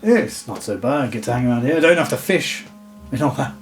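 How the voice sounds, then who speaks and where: A man's voice: mid-range voice, lively intonation, fast, over music, natural voice. A man voicing a meek male manor servant with a put-on Russian accent, hesitant and eager to please.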